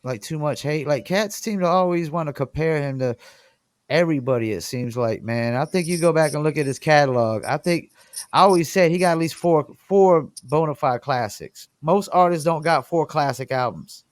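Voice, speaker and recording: High-pitched animated podcast host man. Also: moderate pace, no echo, clean studio sound. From North Carolina, USA. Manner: animated, slangy, wry. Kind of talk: casual interview chat.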